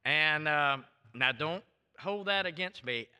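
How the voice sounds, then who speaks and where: An older man with a thick Deep South American accent, preaching in a folksy, emphatic, storytelling way as a pastor. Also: animated, slow, pushed and bright, clear, resonant tone. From southern United States. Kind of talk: sermon. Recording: reverberant hall sound.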